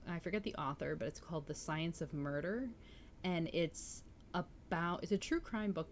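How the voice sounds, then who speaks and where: Hosting a book-reading livestream, a woman chats casually and enthusiastically, reacting to viewer comments as they come in. Her voice sits low, with a slight hiss or hum in the audio.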